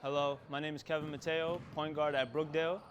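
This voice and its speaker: Young man rushing through an intro. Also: on the high side, little pitch movement. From New Jersey. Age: young adult. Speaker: college basketball player. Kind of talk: scripted self-introduction.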